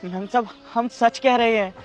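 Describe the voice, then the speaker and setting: A man's voice: very high voice, steady tone, moderate pace. A man playing a poor young vendor and protective older brother who speaks earnestly and respectfully. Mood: pleading. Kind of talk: amateur web drama acting.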